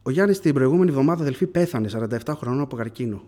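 A man's voice: mid-range voice, expressive, warm tone. A man preaching a sermon, telling testimony to the congregation and calling them brothers, rising into fervent prayer.

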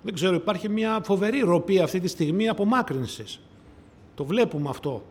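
A male preacher delivering a sermon to his congregation, asking rhetorical questions, repeating phrases for emphasis and swinging between loud declarations and soft asides. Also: sits high, lively intonation.

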